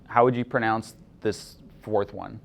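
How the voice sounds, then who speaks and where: A young man teaching a chemistry class, explaining things in a relaxed way and asking students questions. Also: fairly low pitch, measured pace, gravelly. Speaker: chemistry instructor. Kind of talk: classroom lecture.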